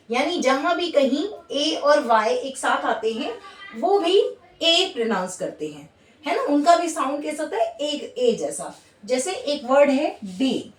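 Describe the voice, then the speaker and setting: A woman's voice: sits high, reverberant, distant mic. A woman teaching a phonics lesson. She sounds out letters one by one and keeps checking in with "ठीक है?". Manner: sounds out letters slowly, asks "ठीक है?" after each point. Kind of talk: classroom-style phonics lesson.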